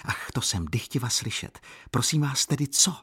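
Proud, coaxing landlady in her forties, husky and raised high, as a male narrator puts her on. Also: animated, sharp tone, heavily acted. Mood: lively.

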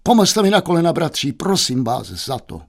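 A man voicing a melodramatic young male shop assistant who declaims in a theatrical way, with a husky voice. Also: fairly high pitch, big pitch swings, voice pushed up, full character voice.

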